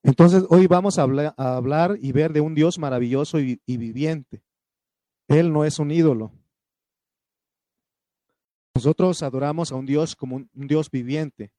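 Male preacher, warm voice in a dry room; fervent sermon delivery, calls on the congregation, reads scripture loud and slow. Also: a little high, no echo. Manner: fervent, calls out questions to the congregation, punctuated with amen; reads scripture aloud in a raised, drawn-out voice.

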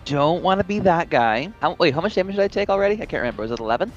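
A man plays a tabletop game, chatting casually. His pitch is fairly high and swings around a lot, recorded on a dull lo-fi mic. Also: expressive, racing, faint music behind.

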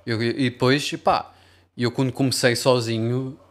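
A man's voice: medium pitch, level tone, measured pace. A man with a European Portuguese accent chatting casually as a music producer, swearing and dropping English phrases into his slangy talk. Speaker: music producer and mix engineer. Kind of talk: casual podcast chat.

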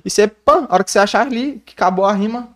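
A man, a battle rapper guest chatting casually, telling stories in a quick, slangy, animated way. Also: high-pitched. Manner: fast, slangy, animated storytelling. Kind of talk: casual chat.

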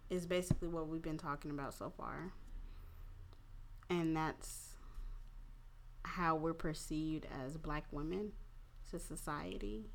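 Female host, low register, mildly tipsy, blunt and informal, opinionated conversational delivery. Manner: candid, profane, informal slangy phrasing. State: a little tipsy. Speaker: podcast host. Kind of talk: casual opinionated talk.

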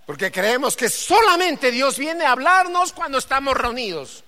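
Forceful woman preaching a sermon. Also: high-pitched, big pitch swings, moderate pace. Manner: swings from hushed to loud emphatic preaching; calls on the congregation to repeat phrases. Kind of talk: sermon to a congregation.

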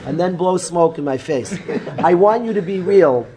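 A man's voice: sits high, moderate pace. A man, teaching an informal Torah class and joking students he calls by name. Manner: animated, joking, talks straight to students by name. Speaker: rabbi teaching a yeshiva class.

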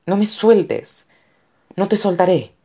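Guy doing a scared kid yelling for his mom, way higher, shouty and desperate. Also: animated, drawn-out words, full character voice. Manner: anguished shouting. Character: frightened desperate boy screaming for his mother.

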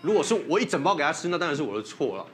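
A man on a parenting talk show tells family anecdotes with a fairly high, wildly swinging voice and frequent laughter. Loud music plays behind him throughout. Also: very fast. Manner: animated storytelling with laughs. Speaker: guest father. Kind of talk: casual chat.

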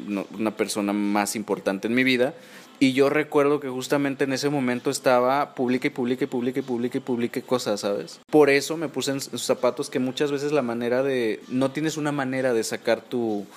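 A man with a Mexican accent hosting a podcast in a casual, gossipy chat, often tagging his phrases with little questions. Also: medium pitch. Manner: chatty, informal, gossipy, often ends phrases with tag questions. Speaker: podcast host.

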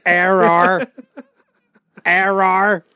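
A glitching robot stuck on an error loop, as a man puts it on for a joke, its voice a bit higher and louder than his usual talk, repeating itself in stiff mock-mechanical bursts. The sound is dry and close, with no room around it. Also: little pitch movement, very slow, smooth, no room sound, heavily acted. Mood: malfunctioning. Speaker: podcast co-host telling jokes. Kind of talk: comedic joke delivery.

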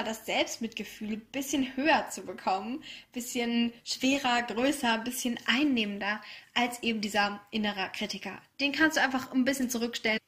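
Woman podcast host, slightly high voice, gentle and encouraging solo talk. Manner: gentle, encouraging, laughs softly between thoughts.

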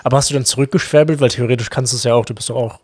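A man's voice: medium pitch, fairly even intonation, dry recording. Young male co-host, teasing interviewer, mid voice, dry sound. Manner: quick teasing questions. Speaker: podcast co-host. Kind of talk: casual chat.

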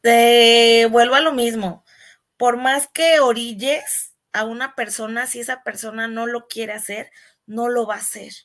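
Higher-pitched woman, firm and explanatory. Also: fairly even intonation, a little slow, fairly bright tone. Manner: firm, explains with quoted examples. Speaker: podcast co-host. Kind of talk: casual podcast discussion.

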